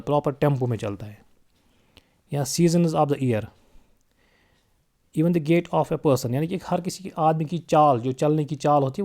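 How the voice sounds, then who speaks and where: A man teaching a music lesson, explaining calmly and reciting rhythm syllables in a steady beat. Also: a little high, creaky. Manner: reads English definitions slowly and carefully. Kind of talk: spoken music lesson mixing Hindi and English.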